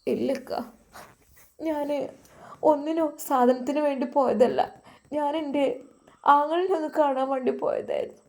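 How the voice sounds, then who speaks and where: A tearful young wife pleads hesitantly in a soft, quiet voice, as a woman puts her on. The voice is pitched higher than the performer's own and a little hushed, with a Malappuram Malayalam accent. It is a storytelling performance. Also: unhurried, vocal fry, pauses often. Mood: hurt. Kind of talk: storytelling voice acting.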